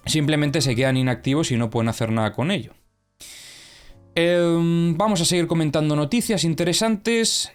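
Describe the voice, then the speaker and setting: Hosting a crypto news and analysis show, this young man has a smooth, fairly high-pitched voice. He comments casually, explaining as he goes, with lots of filler words and corrections of himself.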